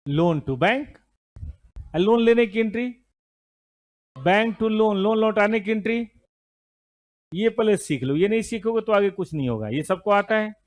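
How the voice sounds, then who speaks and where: Middle-aged guy lecturing a class, kinda high voice, scolds the kids a bit, bounces to and from the mic. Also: a little slow, pauses often. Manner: lively, scolding students, mixes Hindi and English terms. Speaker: accounting teacher.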